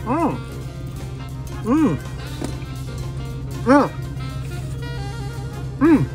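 A man's voice: very high voice, sing-song, extremely slow. A man reviewing food in a casual vlog, talking with his mouth full. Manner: chatty, self-mocking, loud whoops. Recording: music playing behind.

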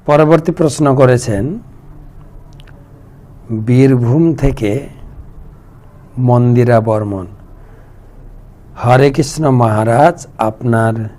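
A man's voice: mid-range voice, extremely slow, long pauses, dark tone. A man, a monk who reads out devotees' questions and answers them with homely examples in a devotional talk.

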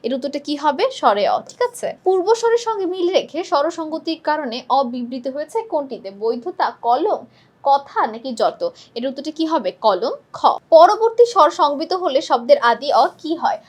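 High-pitched woman teaching exam prep, asks her own questions then answers them.

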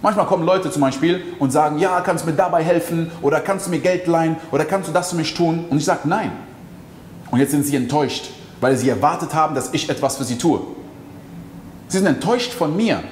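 Speaking a little fast at a fairly high pitch, this male mindset coach gives a motivational talk aimed directly at the listener, firing off emphatic rhetorical questions. There's slight background noise and faint ambience from the echoey hall he's recorded in.

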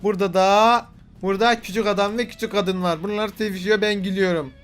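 A man's voice: high-pitched, steady tone, quick pace, fairly bright tone, soft background music. A young man doing playful, boastful gameplay commentary, joking and swearing at the game characters. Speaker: gaming video host.

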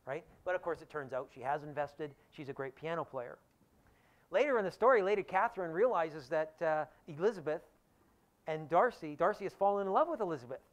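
Animated male economics professor lecturing. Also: high voice. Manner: animated storytelling with acted-out quotes. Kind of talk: public lecture.

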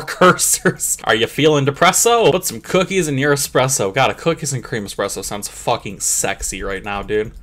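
A young man rambles through a clicker game in crude, profane, joking commentary. His pitch swings all over the place and often jumps into a squeaky high voice for a gag. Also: fairly bright tone. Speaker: gameplay commentator. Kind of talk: comedic let's play commentary.

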